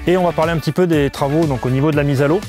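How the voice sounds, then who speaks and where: Male presenter, average pitch, rapid informal delivery, explaining works on site over a music bed. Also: steady tone, a little mellow.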